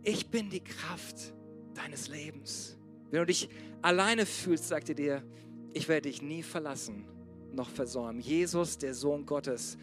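A man preaching a sermon to a church congregation, swinging from loud urging to soft, hushed passages. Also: a little high, unhurried, faint music behind. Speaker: pastor.

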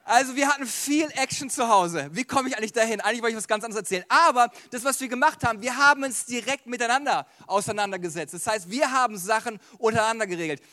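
A man preaching a sermon in a lively, conversational way, acting out quoted voices. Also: very high-pitched, fast, hardly any pauses. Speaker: pastor.

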